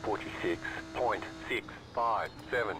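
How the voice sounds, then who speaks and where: A man voicing a calm race spotter in a racing game, giving terse pit radio calls of lap times, gaps and clear sides in flat, clipped phrases. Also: fairly low pitch, measured pace, background noise.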